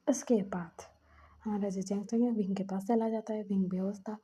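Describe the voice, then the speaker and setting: A woman's voice: mid-range voice, steady tone, moderate pace, dark tone, slightly rough. A woman casually retelling a romance fan story, quoting every character in her own voice.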